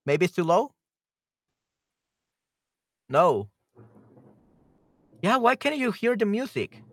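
He sits high in pitch and speaks slowly in a sing-song way, hosting a livestream where he casually works out audio problems, pausing to think aloud. The sound is close-miked and echo-free.

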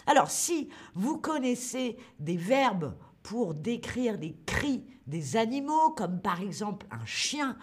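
A woman leads a live online French lesson, her voice sitting a little high. She talks slowly and clearly, encouraging viewers and greeting them by name as she goes. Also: sing-song. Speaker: French teacher hosting a livestream.

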